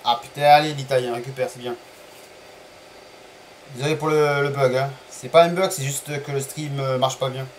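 A man streaming a football management game live, chatting to viewers, apologizing for stream bugs and calling plays with bursts of excitement. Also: mid-range voice, moderate pace, a little hiss or hum, poor audio. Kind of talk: live gameplay commentary.

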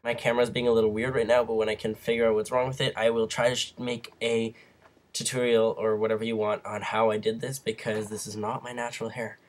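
A man's voice: fairly low pitch, little pitch movement, fast talker. A young man with hiccups, giving a rambling casual update to viewers on his computer's mic at home. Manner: rambling, restarts, frequent fillers. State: has hiccups; sick. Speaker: vlogger. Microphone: computer webcam mic.

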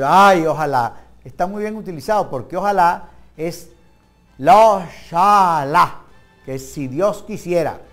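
A man with a Venezuelan accent hosting a comic TV talk show, reading word trivia in a playful, teasing way. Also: a little high. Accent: Venezuelan Spanish. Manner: playful and teasing, jumps between fast asides and slow stressed words. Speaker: TV show host.

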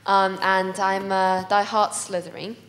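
A woman's voice: medium pitch, little pitch movement, measured pace, fairly bright tone, long reverb tail. A young woman from China, a student panelist introducing herself playfully. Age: young adult. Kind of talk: self-introduction.

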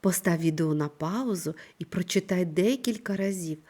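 A woman teaching a primary school reading lesson, speaking slowly and clearly in an instructive manner. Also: lowish voice. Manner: slow, clear, instructive delivery with lively intonation. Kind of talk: scripted online reading lesson.

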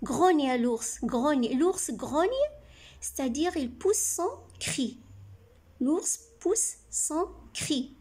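A woman teaching young children speaks slowly in a high voice. She reads a story aloud and keeps stopping to explain words, repeating and rephrasing them. She asks the class questions and then answers them herself. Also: animated, darkish tone.

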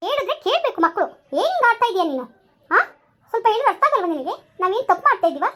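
Brief: fast-talking, very high-voiced scheming mother-in-law, preachy and bossy, played by a woman. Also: very animated, pushed and bright, exaggerated voice. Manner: falsely sweet, lecturing, bossy. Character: scheming mother-in-law posing as social worker.

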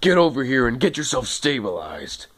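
A young man switching into an impression voice of a gruff, grim veteran soldier. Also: medium pitch, sing-song, moderate pace, fairly bright tone. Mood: grim resolve. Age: young adult. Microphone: phone at arm's length.

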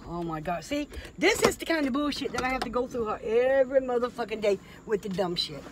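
Loud swearing mother scolding in a car. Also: fairly high pitch, animated, brisk, heavy background noise. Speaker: prankster's mother. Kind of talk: heated profane scolding in a car. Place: inside a parked car.

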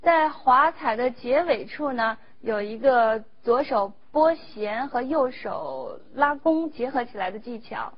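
A woman music teacher giving a measured, explanatory instrumental lesson. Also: on the high side. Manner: measured, explanatory, demonstrates between phrases. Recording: dull lo-fi recording with faint instrument music.

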